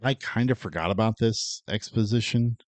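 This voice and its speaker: A man's voice: lowish voice, moderate pace, dry recording. A man co-hosting a podcast, chatting about a film in a laid-back way with wry, agreeing asides. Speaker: podcast co-host. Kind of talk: casual movie review chat.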